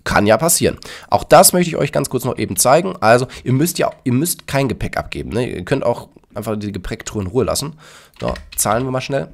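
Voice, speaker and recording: A man's voice: medium pitch, expressive, fairly quick, gravelly. German man explaining a Minecraft build. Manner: explanatory, talks to viewers. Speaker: YouTuber demonstrating a Minecraft build. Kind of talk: casual gameplay commentary.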